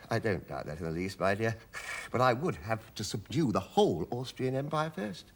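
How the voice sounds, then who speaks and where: A man's voice: lowish voice, big pitch swings, moderate pace, slightly rough, heavily acted. An actor playing a genial, blustering middle-aged army major who chuckles as he talks. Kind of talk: stage play acting.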